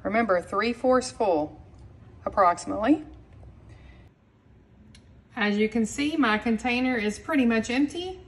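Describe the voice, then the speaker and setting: A woman's voice: a little high, measured pace, pauses often, poor audio. Chatty woman demonstrating a home recipe. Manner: chatty step-by-step instructions, addresses viewers directly. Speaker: home cooking channel host. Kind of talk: casual cooking demonstration. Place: home kitchen counter.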